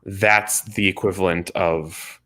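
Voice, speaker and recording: Man, podcast co-host, very low pitch, enthusiastic. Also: slow. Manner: enthusiastic, excitable. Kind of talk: casual group chat.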